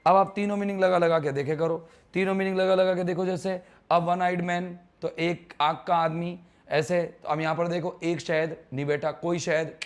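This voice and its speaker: A man runs a live online English grammar class. His voice sits a little high, and he talks in a chatty, teasing way while quizzing his students on their answers. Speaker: teacher.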